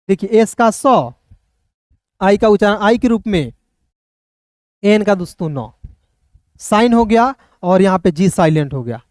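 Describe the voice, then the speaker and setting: A man teaching English pronunciation in an online lesson, spelling words slowly letter by letter and repeating questions and answers to drill his viewers. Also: high voice, a little mellow, no room sound, studio quality. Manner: addresses viewers as friends.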